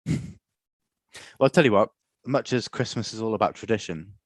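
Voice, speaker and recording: A man co-hosting a comedy podcast, chipping in with dry, deadpan asides. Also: fairly low pitch, normal speed, dry recording. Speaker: podcast co-host. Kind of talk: casual comedic chat.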